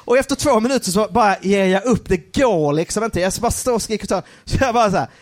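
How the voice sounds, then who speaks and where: Guy with a really high voice telling a funny story live, keeps laughing. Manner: lively, laughing, full of filler words.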